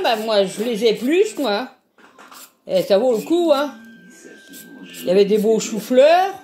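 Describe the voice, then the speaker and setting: Older Frenchwoman, home vlogger, earthy gossipy kitchen chatter, a little high-pitched. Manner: earthy, chatty, constant "hein" tag. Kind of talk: casual chat while peeling vegetables.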